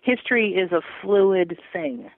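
A woman author telling her story in an animated, laughing way during an interview. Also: medium pitch, measured pace, creaky, no echo. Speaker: author guest. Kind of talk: interview over phone. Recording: tinny phone line, dry.

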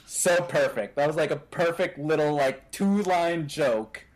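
A man's voice: a little high, a little slow. A man co-hosting a casual podcast, telling stories and joking. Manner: joking, storytelling. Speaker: podcast co-host.

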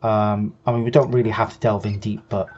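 A man's voice: fairly low pitch, little pitch movement, fairly quick, a little mellow, highs cut off, soft background music. A man co-hosting a hobby show, patiently explaining game rules in casual chat and often restarting his sentences. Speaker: co-host.

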